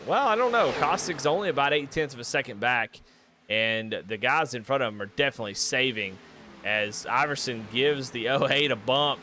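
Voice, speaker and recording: A man with a drawl calls a live race in casual, folksy play-by-play. His voice is bright and forceful, and it climbs high and loud whenever cars make contact. A faint hum of noise sits behind him. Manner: excitable, rising sharply and loud during wrecks; folksy, casual Southern phrasing. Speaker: race commentator. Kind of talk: live sim racing play-by-play commentary.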